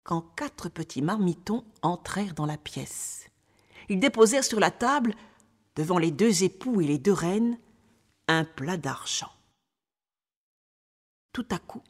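Woman storyteller, fairy tale reading, slow and expressive, long reverb. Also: lowish voice.

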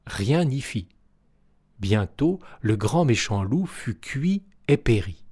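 Male storyteller, children's tale read aloud, unhurried, very animated pitch. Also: slightly rough. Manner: expressive, lively telling. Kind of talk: storybook reading.

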